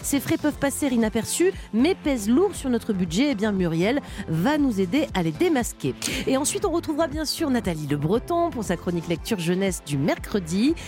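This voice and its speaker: Measured woman radio co-host. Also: a little high, sing-song, darkish tone, soft background music. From Perpignan. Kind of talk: radio show presenting.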